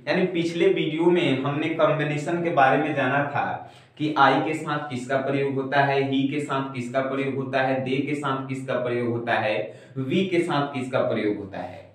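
A young man in his twenties teaching a basic spoken English lesson in a classroom at a whiteboard. He repeats each example sentence slowly and patiently. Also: fairly high pitch, recorded from a distance. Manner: slow, repetitive teaching, saying each example twice. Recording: very echoey room, heard from afar.

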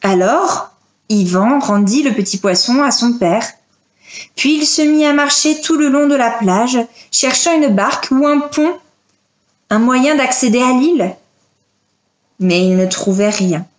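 Woman reading a storybook, slow, high-ish voice, roomy echo. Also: animated.

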